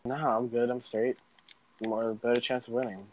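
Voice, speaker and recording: A man's voice: mid-range voice, little pitch movement, normal speed, background noise. Playful young man chatting over a game. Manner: playful, laughs often, teasing. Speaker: gamer. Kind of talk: casual gaming chat with friends.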